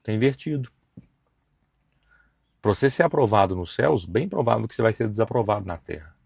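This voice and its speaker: A man's voice: lowish voice, expressive, a little fast, gravelly, a little mellow, husky, no room sound. A man, hosting a faith and business live stream and preaching emphatically with slangy asides. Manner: emphatic, acts out gossiping voices with slangy asides. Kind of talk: preachy motivational talk.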